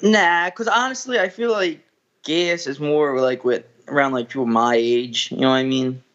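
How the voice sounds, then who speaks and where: A man's voice: mid-range voice, moderate pace, fairly bright tone. Laid-back young man, lo-fi sound. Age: 20s. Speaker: interviewee. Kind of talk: casual chat.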